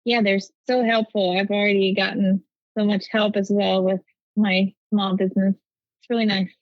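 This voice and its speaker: A woman's voice: mid-range voice, level tone, moderate pace, no echo, dull audio. A young woman from Germany whose first language is German, chatting casually and upbeat as a podcast guest. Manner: chatty, upbeat, with frequent "like" and "you know". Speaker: guest, quilt pattern designer. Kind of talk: casual interview chat.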